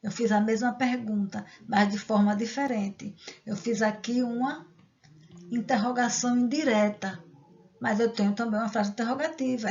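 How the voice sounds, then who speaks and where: A woman's voice: a little high, gravelly, a little mellow, dull audio. A woman teacher explaining grammar step by step, reading example sentences and checking in with the class. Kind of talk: grammar lesson.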